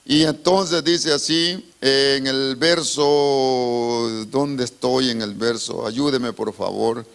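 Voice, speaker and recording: A male pastor preaching a sermon in church, telling a story with strong emotion and swinging between hushed and raised delivery. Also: medium pitch, steady tone, slow, gravelly.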